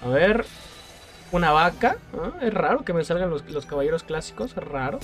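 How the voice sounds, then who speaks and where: A man's voice: a little high, expressive, moderate pace, soft background music. A man with a Mexican accent giving casual gameplay commentary, exasperated and self-mocking and laughing often. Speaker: gaming youtuber.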